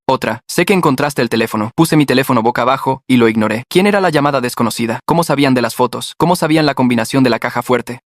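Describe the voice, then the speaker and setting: Un hombre con acento mexicano que narra en primera persona una historia escrita, en tono tenso y constante. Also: male voice, medium pitch, fast, hardly any pauses, dry recording, studio quality. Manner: tense, steady storytelling. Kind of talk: scripted first-person story narration.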